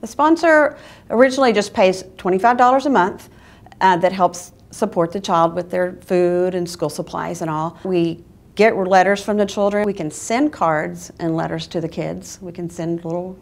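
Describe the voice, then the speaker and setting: A woman's voice: lowish voice, moderate pace, creaky. A woman in an interview earnestly explaining a children's sponsorship program.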